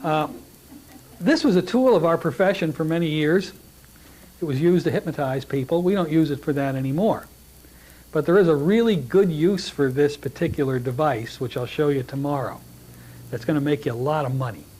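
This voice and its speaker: A middle-aged man with a slightly raised voice lectures a hypnosis class in a relaxed, joking way. He talks straight to the students, often restarting his sentences. The sound is from a plain classroom. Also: on the high side, moderate pace, slight background noise. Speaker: hypnosis instructor.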